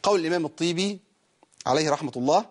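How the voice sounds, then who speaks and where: A man with an Egyptian Arabic accent teaching Quran recitation on a program. He poses rhetorical questions, then answers them himself, and slowly stretches out words to show how they should be recited. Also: fairly high pitch. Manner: slowly draws out words to model correct recitation. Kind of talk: televised Quran recitation lesson.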